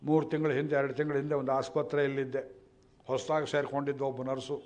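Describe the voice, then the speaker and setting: Wry, animated man lecturing on scripture. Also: medium pitch, fast. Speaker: religious scholar giving a discourse. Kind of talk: storytelling discourse with chanted verses. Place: lecture hall. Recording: dull lo-fi recording.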